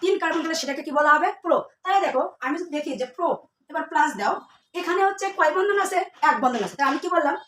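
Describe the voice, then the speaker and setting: Rapid-fire and fairly bright, a high-voiced woman teaches chemistry to her students. She asks and then answers her own questions, repeating key terms, recorded from afar in an echoey room with slight background noise.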